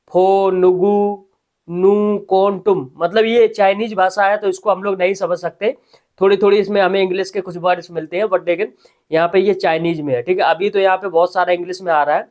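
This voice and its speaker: A man, talking casually as host of a tutorial voice-over, often adding "ठीक है". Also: sits high. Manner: conversational, repeats filler "ठीक है". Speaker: crypto news host. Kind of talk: screen-recorded tutorial voice-over.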